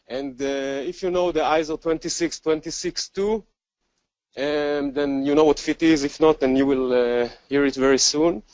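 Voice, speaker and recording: A man with an Israeli accent giving a technical conference talk, relaxed and self-deprecating, with many fillers and restarts. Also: a little high, normal speed, dry recording, highs cut off. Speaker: conference speaker.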